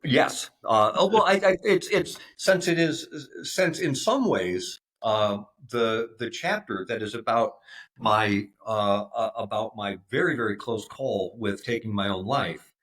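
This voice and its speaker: Halting, low-voiced man in his fifties. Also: fairly bright tone. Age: 50s. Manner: halting, many fillers and restarts. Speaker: guest. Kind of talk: conversational interview.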